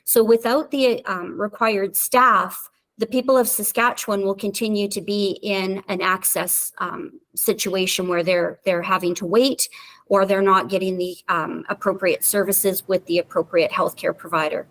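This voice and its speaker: A woman's voice: medium pitch, fairly even intonation, normal speed, a bit bright, poor audio. A woman spokesperson in a news interview clip, speaking earnestly with some fillers.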